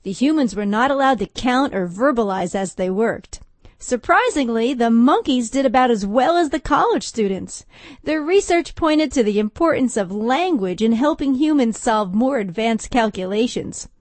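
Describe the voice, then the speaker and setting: Woman, radio news reporter, scripted feature narration, fairly high voice, close dry sound. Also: lively intonation, moderate pace, no room sound.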